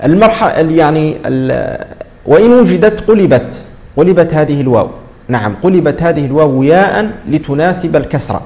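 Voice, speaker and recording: A man teaching a tajweed lesson, explaining patiently and repeating words slowly to model their pronunciation. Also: fairly high pitch, animated, a little mellow. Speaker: Quran recitation teacher.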